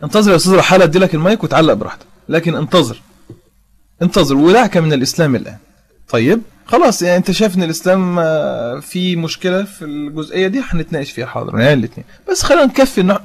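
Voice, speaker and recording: A man's voice: a little high, expressive. A young man with an Egyptian accent, arguing as host of an online religious debate and reading quotations aloud. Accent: Egyptian Arabic. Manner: fast, argumentative, reads quotations aloud.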